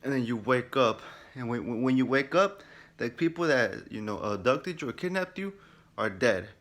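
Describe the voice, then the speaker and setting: A male gaming vlogger talks through his first hours of a game from his room at home. His voice sits in a middling pitch, and he tells the story in an animated, swear-heavy way, acting out the reactions as he goes. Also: moderate pace. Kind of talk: casual game first-impressions recap.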